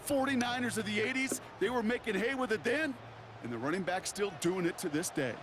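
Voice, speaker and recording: A man's voice: high-pitched, expressive, fairly quick. A man voicing a seasoned football analyst in a video game, explanatory and emphatic, with an American accent. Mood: analytical. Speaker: color commentator. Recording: noisy game audio.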